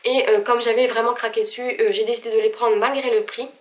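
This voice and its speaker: A woman with a blocked nose, talking a bit higher than most and hesitating often. She sounds set back from the mic, her voice echoing in a room with faint noise behind it. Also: fairly even intonation, fast, recorded from a distance. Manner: chatty, many hesitations, gushing. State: stuffy nose, speaking with effort. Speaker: vlogger. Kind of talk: casual haul video.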